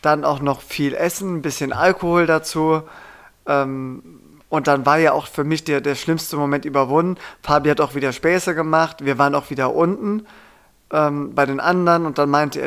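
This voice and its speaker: A young man co-hosting a podcast, talking in a relaxed and hesitant way, often restarting his sentences. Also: fairly high pitch, vocal fry. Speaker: podcast co-host. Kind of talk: casual chat.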